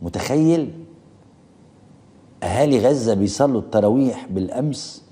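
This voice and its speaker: Low husky Egyptian man, commentary host. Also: dark tone. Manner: indignant, rhetorical questions. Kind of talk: political commentary.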